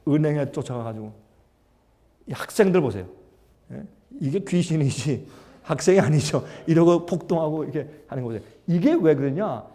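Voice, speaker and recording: A man with a high, mellow voice preaches a sermon to a congregation. He drives his points with rhetorical questions and swings between loud and hushed. A long hall reverb trails every phrase. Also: animated, moderate pace. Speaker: pastor.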